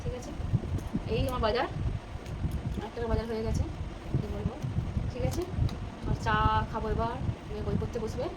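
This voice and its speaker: Woman, 30s, friendly home vlogger with a fairly high voice, recorded on a phone at home over heavy background noise. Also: steady tone, normal speed, pauses often. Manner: chatty, addresses viewers as friends while showing things. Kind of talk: casual home vlog chat. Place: home, kitchen.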